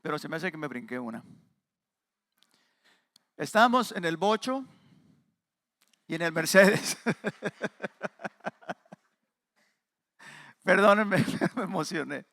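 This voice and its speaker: A man with a Mexican Spanish accent, preaching a sermon and speaking straight to the congregation, emphatic with quieter asides. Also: high-pitched, animated, extremely slow, pauses often, no room sound, studio quality. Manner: addresses the congregation directly. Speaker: pastor.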